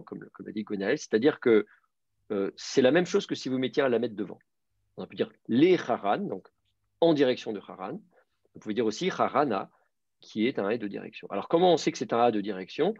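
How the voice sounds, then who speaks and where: A biblical Hebrew teacher with a low, husky, gravelly, slightly mellow voice gives an online class lecture. He's hesitant and explanatory, using many fillers and often restarting sentences. The audio is dry and dull like a video-call computer mic, with no room sound.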